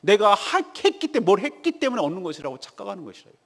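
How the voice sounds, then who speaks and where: A male pastor preaches a morning devotional sermon in a fairly high, animated voice. He presses his points with rhetorical questions to the congregation. His voice carries a long reverb from the church hall. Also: racing, vocal fry. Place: church sanctuary.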